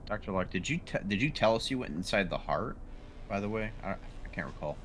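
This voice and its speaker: A man with a lowish, fairly bright voice talks expressively and fairly quickly while playing a tabletop game. He chats casually but hesitantly, searching for words, and the session recording is clearly noisy.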